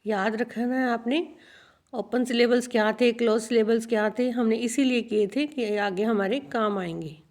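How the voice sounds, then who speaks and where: Woman teaching slowly. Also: fairly high pitch, a little mellow. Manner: repeats words slowly, addresses students as children. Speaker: English teacher. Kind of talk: teaching a video lesson.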